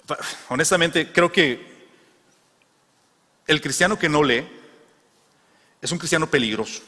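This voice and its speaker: A man delivering a sermon, telling stories and circling back to repeat his phrases. His voice is bright and a bit high, and a long reverb trails after every word. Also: unhurried. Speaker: preacher.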